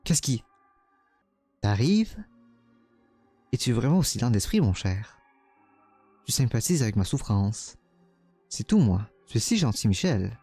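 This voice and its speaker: A man's voice: mid-range voice, sing-song, warm tone, breathy edge, dry recording, faint music behind, heavily acted. A man voicing a cruel, taunting young female witch spirit while reading a game's dialogue aloud. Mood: mocking. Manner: mocking, teasing, slow and menacing.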